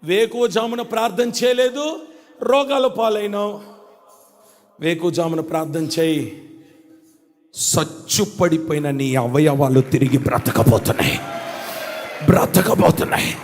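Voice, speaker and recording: A man preaching a Pentecostal sermon to a church congregation, repeating phrases and calling for responses, swinging between shouts and quiet, low passages. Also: a little slow, pauses often, in a large hall. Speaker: pastor. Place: church service.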